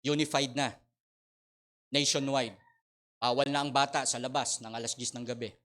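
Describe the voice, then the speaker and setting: A middle-aged man with a Filipino accent preaching a sermon as pastor, swinging between loud appeals and quiet asides. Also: medium pitch, level tone, normal speed. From Philippines.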